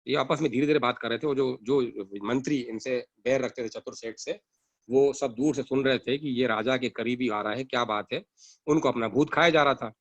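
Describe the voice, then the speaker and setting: A man telling a devotional story in an unhurried way, with frequent pauses and restarts. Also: mid-range voice, no room sound, muffled recording.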